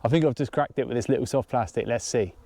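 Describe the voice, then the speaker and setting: A man filming a casual fishing vlog outdoors by a lake dam, chatting excitedly and laughing often. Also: medium pitch, fast talker, vocal fry. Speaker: fishing vlogger.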